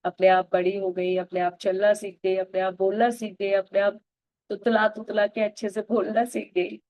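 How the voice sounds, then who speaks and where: Warm-voiced woman repeating gentle affirmations. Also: mid-range voice, level tone, dry recording, rough recording. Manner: repeats loving phrases slowly, mixing Hindi with English. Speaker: self-help speaker. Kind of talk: spoken self-affirmations and gratitude practice.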